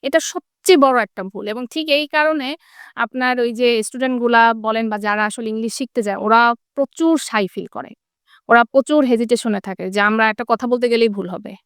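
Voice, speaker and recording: Brief: woman teacher, fairly high smooth voice, dry close sound, explanatory, rhetorical questions. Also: brisk, no echo. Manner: asks rhetorical questions, checks in with tag questions. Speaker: English teacher. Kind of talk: explanatory interview talk.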